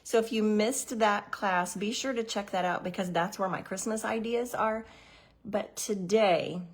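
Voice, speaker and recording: A woman's voice: mid-range voice, measured pace. A middle-aged woman from Missouri chats through her card-making livestream. She rambles with plenty of ums and restarts. She sounds a little out of breath. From Missouri, USA. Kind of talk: casual livestream chat.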